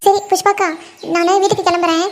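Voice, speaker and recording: A woman voicing several chatty village women in a cartoon, with fast sing-song gossiping talk. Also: very high voice, level tone. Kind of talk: animated cartoon voice acting.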